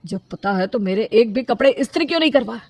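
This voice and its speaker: A woman's voice: a little high, animated, fast, dry recording. A woman voicing an aggrieved, complaining elder brother-in-law. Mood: irate. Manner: complaining, indignant. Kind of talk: animated storybook voice acting.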